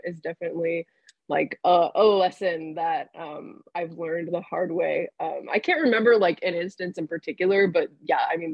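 A woman's voice: on the low side, vocal fry, breathy edge, dry recording. A young woman, a sports reporter, chatting casually on a podcast with many fillers and restarts. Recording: dull, dry lo-fi sound.

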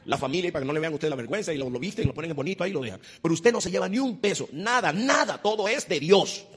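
Husky preacher man in an echoing hall. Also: very fast. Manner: animated preaching, rising to loud high exclamations; acts out voices of God and churchgoers. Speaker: pastor. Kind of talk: sermon. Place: church. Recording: long hall reverb.

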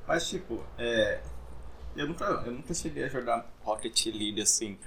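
A man's voice: medium pitch, lively intonation, normal speed, a bit bright, slight background noise. A man with a Brazilian Portuguese accent making casual, slangy conversation.

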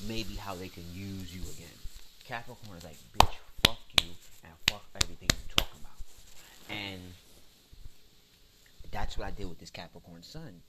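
A man's voice: lowish voice, heavy background noise. A man hosting a podcast, ranting in a blunt, profane, slangy and emphatic way. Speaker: podcast host. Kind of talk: casual solo rant.

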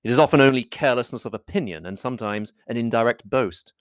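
A reader acts out a reserved, proud gentleman from a classic novel. The delivery is formal, measured and coolly precise, at a middling pitch in a dry recording. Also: no room sound, lightly acted. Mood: critical. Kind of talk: classic novel audiobook dialogue.

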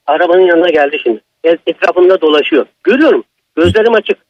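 Husky man on a dull phone line. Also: high-pitched, quick pace, no room sound. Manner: agitated, emphatic retelling. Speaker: caller. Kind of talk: telling a personal horror story.

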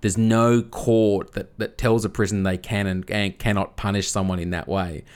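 A man's voice: lowish voice, flat delivery, normal speed, smooth. A man co-hosting a casual podcast, explaining a topic at length, often restarting and repeating words as he goes. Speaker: podcast co-host.

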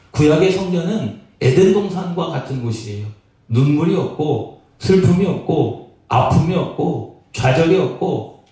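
A male pastor preaching a sermon, asking the congregation questions as he goes, recorded in a church sanctuary. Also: high-pitched. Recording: very echoey church hall from a distance.

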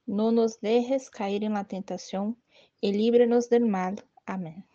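Dark-voiced woman leading recited prayers. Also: medium pitch, highs cut off. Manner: measured, steady recitation with a human slip. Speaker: prayer leader. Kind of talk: guided devotional prayer recitation.

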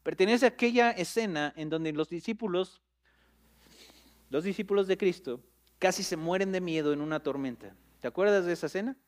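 A man preaching a sermon as pastor, talking straight to his listeners in a conversational way and building up to loud, emphatic peaks. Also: sits high, fairly quick.

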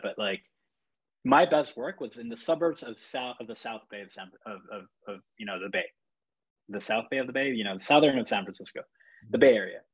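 A man's voice: on the low side, gravelly, slightly rough, muffled recording. A man from Chile, a photographer, talking in a rambling, reflective way with many fillers and restarts. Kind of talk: casual podcast chat.

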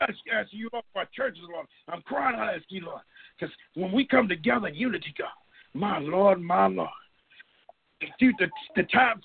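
Leading a group in prayer, a middle-aged man pleads fervently and off the cuff, calling on God again and again. His voice is high-pitched with vocal fry, and slight background noise sits under tinny, phone-line-like audio.

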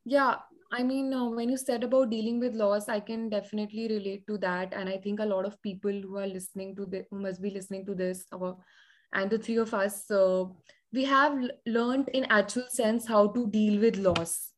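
A young adult woman with an Indian accent, talking reflectively in a casual discussion with hesitant, measured phrasing. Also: medium pitch, steady tone.

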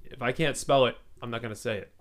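Man, thirties, podcast co-host, loose and jokey, cusses a lot, middling pitch. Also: quick pace. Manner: loose, joking, swears freely. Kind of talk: casual podcast chat.

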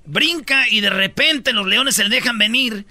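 A man's voice: very high-pitched, normal speed, sharp tone, dry recording. A man hosting a comedy radio show, telling news stories in slangy, joking banter.

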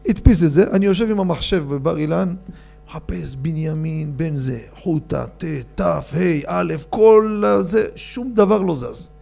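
A man, a rabbi, giving an informal Torah lesson, animated and addressing his listeners with questions as he reads out rulings. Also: fairly high pitch, creaky, soft background music. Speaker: rabbi teaching a Torah class.

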